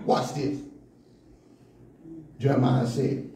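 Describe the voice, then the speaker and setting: A man preaching a sermon from the pulpit in rhythmic call-and-response style, building to shouts. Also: medium pitch, little pitch movement, drawn-out words, recorded from a distance. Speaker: pastor. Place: church sanctuary, indoors, at a pulpit. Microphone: stand mic at the pulpit, filmed from a far camera. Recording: echoey church room, heard from afar.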